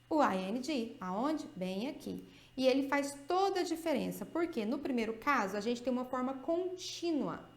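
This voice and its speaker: A woman with a Brazilian Portuguese accent teaching an English grammar video lesson, explaining step by step and checking in often with her students. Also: sits high. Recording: echoey room.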